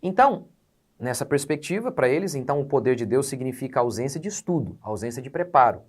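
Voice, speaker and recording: A man's voice: medium pitch, expressive, fast talker, husky. Emphatic Brazilian pastor in his forties. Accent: Brazilian Portuguese. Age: 40s. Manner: emphatic, rhetorical questions, swells on key words. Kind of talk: teaching sermon.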